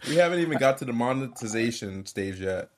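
A man co-hosting a casual podcast, talking in a relaxed, hesitant way with lots of fillers. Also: mid-range voice, brisk. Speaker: podcast co-host.

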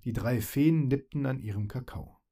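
A man's voice: medium pitch, moderate pace, gravelly, mellow. Man reading a children's story aloud. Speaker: narrator.

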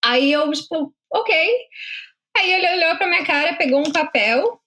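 Brazilian girl, high pitched, lively storytelling, keeps laughing. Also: a little fast. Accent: Brazilian Portuguese. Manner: animated, laughs through her story. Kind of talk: casual storytelling chat.

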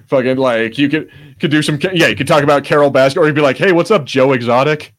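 A podcast co-host, a man with a fairly high voice, talks fast in casual, unscripted chat. He rambles, gropes for words, breaks off mid-thought, and swears now and then.

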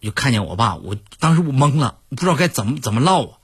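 A man's voice: medium pitch, very animated, quick pace, slightly rough, no room sound, studio quality. A man doing stand-up comedy, telling stories in a chatty, self-mocking way and talking straight to the audience.

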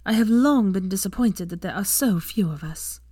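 A woman voicing the kindly old noblewoman in an ancestral portrait, telling a story gently. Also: mid-range voice, lively intonation, normal speed, slightly rough, no echo, studio quality.

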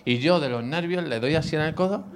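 A man with a voice a touch higher than most men's tells a comic story from his life in relaxed conversation. He repeats the lines people said to him as the story unfolds. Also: quick pace, noisy background. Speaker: comedian guest. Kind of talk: comic storytelling in casual chat.

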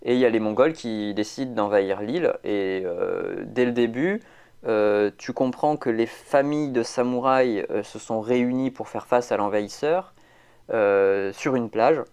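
A man's voice: medium pitch, normal speed, darkish tone, clean tone. A man, chatting casually as a podcast co-host, rambling with lots of fillers and restarts. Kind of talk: casual chat.

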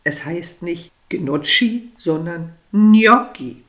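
A woman reading aloud and voicing a pedantic young man who corrects his girlfriend in a hushed, patronizing tone. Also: fairly low pitch, animated, slow pace.

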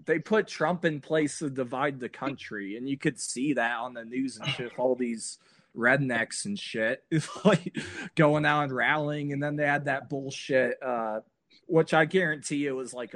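A male podcast host with a mid-pitched voice rants with energy, piling up clauses and casual swearing. He laughs along with his guest between points. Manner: animated, ranting, swears a lot.

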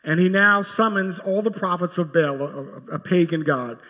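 A man preaching a sermon as pastor, telling a scripture story with emphatic rises to forceful peaks. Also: high-pitched, normal speed, big-room sound.

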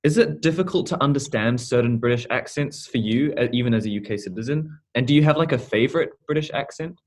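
New Zealand accent, man, curious questioner, casual video chat, mid-pitched. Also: quick pace. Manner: curious, frequent likes.

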